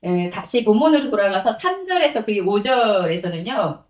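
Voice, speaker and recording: A woman's voice: medium pitch, sing-song, moderate pace. A woman evangelist preaching a sermon with personal testimony, acting out quotes and laughing often. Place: church sanctuary. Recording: echoey church room.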